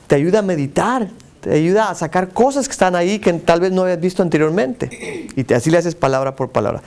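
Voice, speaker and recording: A man's voice: sits high, darkish tone. Upbeat man leading a Bible class. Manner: encouraging, repeats "muy bien", reads verses aloud with shifting emphasis. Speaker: church class teacher. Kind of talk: teaching a Bible meditation class.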